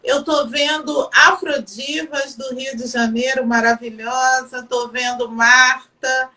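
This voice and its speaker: Brazilian woman academic, measured delivery, high bright voice, a little far from the mic. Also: fairly even intonation. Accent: Brazilian Portuguese. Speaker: guest professor. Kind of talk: live-stream discussion.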